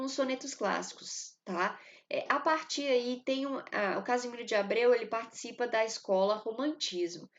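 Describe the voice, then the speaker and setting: A woman's voice: a little high, dull audio. A woman teacher explaining poetry meter to her students, talking them through step by step with frequent fillers. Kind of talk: recorded class lesson.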